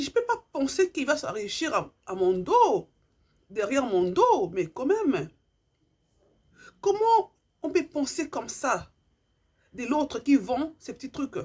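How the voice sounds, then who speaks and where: Speaking passionately to her subscribers, this Lingala-speaking vlogger has a husky, somewhat high yet darkish voice. Earnest throughout, she circles back over the same points and gropes for the right words.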